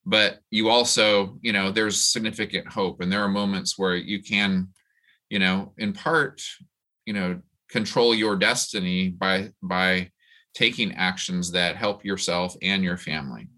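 Bright-voiced, low-pitched man on a panel. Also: fairly even intonation, unhurried. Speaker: professor, panelist. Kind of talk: explanatory panel remarks.

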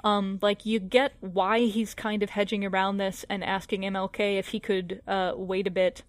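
Woman podcast guest, mid-pitched, measured and considered, dry close mic. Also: flat delivery, no echo. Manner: measured, filler-heavy, thoughtful. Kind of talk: casual film discussion.

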